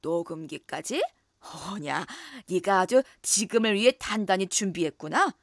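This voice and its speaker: A woman's voice: fairly low pitch, expressive, unhurried, no room sound, studio quality, pitched below the performer's own voice. A woman voicing a stern, imperious older mother-in-law in a voice drama, scolding in an old-fashioned commanding way. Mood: scornful.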